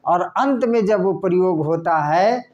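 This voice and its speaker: A man teaching a lesson in a slow classroom style, asking questions and then answering them himself. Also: high-pitched, lively intonation, a little mellow, lo-fi sound. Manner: asks questions and answers them himself, repeating words slowly.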